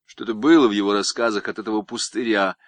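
A man narrating a literary audiobook with expressive, lively intonation. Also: on the low side, fast, no echo.

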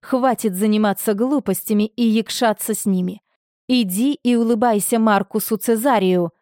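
A woman's voice: on the high side, moderate pace, warm tone, dry recording, studio quality, natural voice. A woman voicing a cold, commanding noble stepmother who hisses and barks her orders. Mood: furious. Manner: hissing, commanding. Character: cold, imperious noble stepmother, cruel-tempered.

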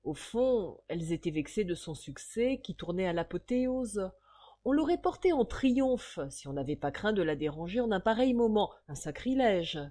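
A woman reading a short story aloud in an expressive storytelling manner, relishing old street slang. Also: mid-range voice, normal speed. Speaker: narrator.

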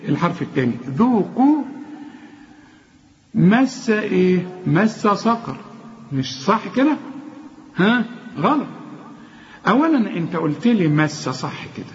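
A man's voice: high-pitched, sing-song, a little slow, pauses often, in a large hall, lo-fi sound. An Egyptian man teaching Quran recitation, correcting mistakes and chanting each example. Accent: Egyptian Arabic. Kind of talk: tajweed lesson.

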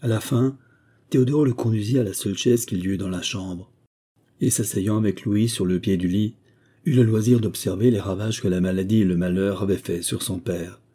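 A man narrating a classic novel as an audiobook, reading in a measured, steady way. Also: on the low side, slightly rough.

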